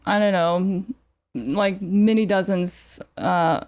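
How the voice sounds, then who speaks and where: Slow and steady, her voice sits on the low side and sounds a little mellow, recorded with no room sound. This Californian artist is a podcast guest whose conversational answers come out casual, informal, and a bit tentative.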